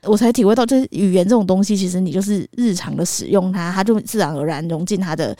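A woman's voice: medium pitch, fast, dark tone, no echo, studio quality. A woman co-hosting a casual podcast, a mother explaining her views on raising a toddler and acting out playful scenes. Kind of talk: casual chat.

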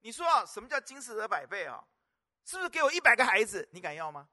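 Male pastor for a sermon: high, bright voice with wide pitch swings, emphatic, repeats phrases and keeps asking the congregation questions. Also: big pitch swings, fast talker.

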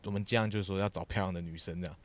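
A young man with a Taiwanese Mandarin accent, swapping work stories on a casual podcast and swearing freely. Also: deep voice. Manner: fast, animated storytelling with frequent swearing. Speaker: podcast co-host. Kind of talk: casual chat, storytelling.

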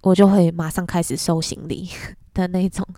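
A woman's voice: lowish voice, flat delivery, moderate pace, warm tone, no echo, clean studio sound. A young woman with a Taiwanese Mandarin accent hosting a podcast, telling stories in a chatty, laughing way. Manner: chatty storytelling, frequent self-mocking laughs. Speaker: podcast host. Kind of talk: casual monologue.

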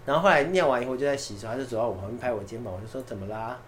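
A man in casual podcast chat who tells a story at speed and drops to a quieter voice when he quotes others. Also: mid-range voice, a crowd in the background. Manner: fast, chatty, drops to a quiet aside when quoting. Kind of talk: casual chat, telling an anecdote.

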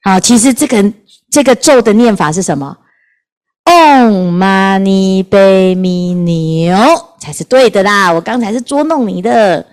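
A woman voicing a male monk who quietly reassures an old woman. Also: lively intonation, brisk, natural voice. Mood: soothing. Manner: low, hushed reassurance. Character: male monk, soothing and confiding.

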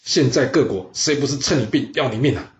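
A man voicing an arrogant, hot-tempered ancient king who shouts and scorns his advisers. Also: mid-range voice, animated, fairly quick, natural voice. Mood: scornful. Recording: roomy, slightly dull audio.

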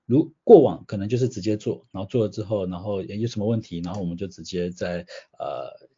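A man speaks in a low, husky, mellow voice. He explains patiently, using everyday examples. The audio sounds slightly dull. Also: brisk. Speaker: guest, systems change consultant. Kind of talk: explanatory interview answers.

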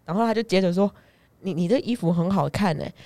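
A woman's voice: lowish voice, fast. A woman with a Taiwanese Mandarin accent, hosting a casual podcast and telling stories with frequent giggles. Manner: giggly, lively storyteller. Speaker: podcast host. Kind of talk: casual chat.

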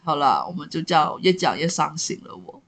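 A woman's voice: sits low, sing-song, moderate pace, vocal fry, fairly bright tone. A woman from Malaysia, co-hosting a casual podcast chat, laughing often and repeating her words. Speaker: podcast co-host.

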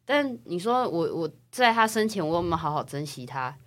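A young woman from Taiwan, co-hosting a casual podcast chat and telling personal stories in a chatty, animated way. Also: lowish voice, brisk. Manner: chatty, animated storytelling with rising excitement. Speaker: podcast co-host.

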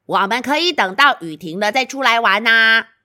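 A woman's voice: a little high, lively intonation, normal speed, sharp tone, voice pushed up. A woman voicing a cheerful, easygoing toucan friend in a children's storybook, sounding soothing and upbeat.

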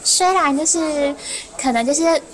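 A woman, a former cram-school teacher, telling animated stories on a podcast and laughing often. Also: unhurried, poor audio. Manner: animated, laughs often, acts out quotes in a shrill voice. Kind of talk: casual podcast storytelling.

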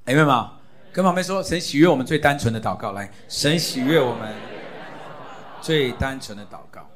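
A middle-aged male pastor preaching a sermon on prayer. He exhorts the congregation and repeats key phrases loudly. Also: medium pitch, animated, moderate pace, a crowd in the background.

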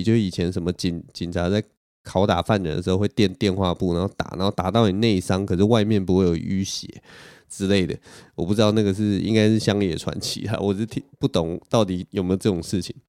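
A man's voice: deep voice, steady tone, quick pace, darkish tone, no echo, studio quality. A young man, hosting a podcast and telling stories in a rambling, self-mocking way. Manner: rambling, self-mocking, with frequent laughs and restarts. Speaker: podcast host. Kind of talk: casual storytelling chat.

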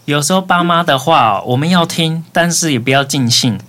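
A man's voice: on the high side, moderate pace, pushed and bright. A man, hosting a podcast, summing up and asking questions in casual chat. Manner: moderating, sums up and asks questions. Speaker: podcast host.

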